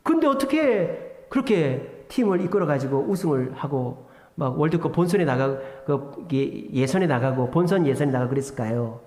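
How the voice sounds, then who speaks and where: Give me a male pastor preaching emphatically, his high voice rising and falling widely. His loud exhortations and quiet asides ring through a reverberant sanctuary. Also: very animated, normal speed. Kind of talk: sermon. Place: church sanctuary. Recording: echoey church hall with long reverb.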